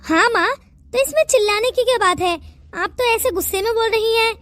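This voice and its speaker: A woman's voice: extremely high pitch, a little fast, a bit bright, no echo, studio quality. A woman voicing a stern, wealthy older father in a cartoon, speaking in a commanding, fatherly way. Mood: defiant.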